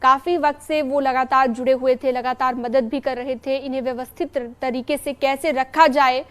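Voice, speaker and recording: A woman news anchor with a high, light voice talks viewers through live pictures in a smooth, even studio delivery. She describes the scenes fluently and passes over to reporters in the field. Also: normal speed.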